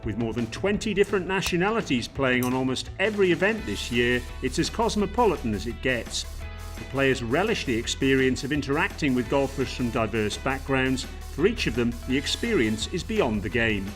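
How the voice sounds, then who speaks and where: A man hosting a golf highlights show, reading a smooth, measured scripted voice-over. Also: very animated, fairly bright tone. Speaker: show host and narrator. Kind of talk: scripted sports narration. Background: music.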